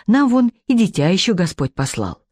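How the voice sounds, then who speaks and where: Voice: medium pitch, sing-song, normal speed, darkish tone, no room sound, studio quality. A man reading a storybook, voicing an old village woman with folksy rural speech. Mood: wistful. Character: old village woman telling her war memories.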